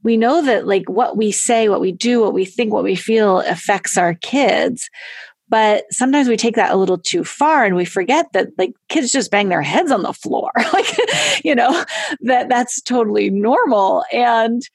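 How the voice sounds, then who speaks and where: A woman talking casually as a podcast guest, animated and chatty, often laughing as she gives parenting advice. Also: on the high side, moderate pace, husky, no echo. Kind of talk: casual conversation.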